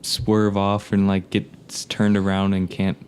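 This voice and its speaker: A man's voice: low-pitched, monotone, unhurried, a little mellow, slight background noise. A young man chatting casually on a gaming talk show, filling his speech with "like". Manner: filler-heavy, lots of "like". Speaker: show co-host. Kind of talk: casual chat.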